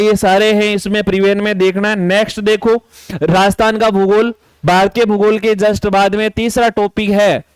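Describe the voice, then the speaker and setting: High-voiced coaching teacher. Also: male voice, smooth, dry recording. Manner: lists topics, repeats key instructions. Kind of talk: syllabus walkthrough lecture.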